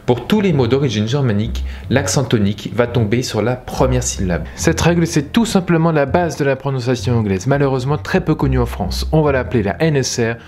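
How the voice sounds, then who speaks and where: A man of middle pitch gives a scripted lesson on English pronunciation, explaining carefully and slipping in dry jokes. Faint room ambience sits behind his voice. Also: a little fast, hardly any pauses, darkish tone, slight background noise. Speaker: English pronunciation teacher and channel host. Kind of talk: scripted educational narration.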